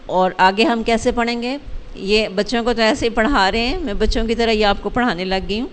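A woman teaching recitation in an online lesson. She drills the letter sounds slowly and checks her students' understanding with quick explanations. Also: a little high, a little hiss or hum.

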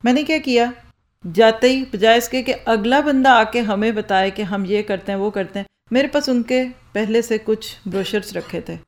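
A woman's voice: on the high side, normal speed. Woman, trainer giving a lecture, speaks into a mic in a hall, asks rhetorical questions and answers them. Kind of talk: lecture to a live audience. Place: lecture hall with rows of listeners. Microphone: handheld or stand microphone.

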